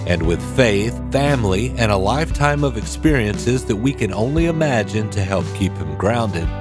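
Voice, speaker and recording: Man, scripted narrator, lowish voice, animated delivery, loud music. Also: moderate pace. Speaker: podcast narrator.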